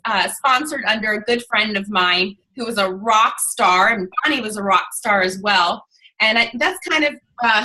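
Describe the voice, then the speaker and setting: A woman's voice: on the high side, bright, forceful tone, low-quality recording. A woman hosting a video call, encouraging the audience and introducing a guest. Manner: encouraging, addresses the audience directly. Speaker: host of a team call. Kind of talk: upbeat motivational talk.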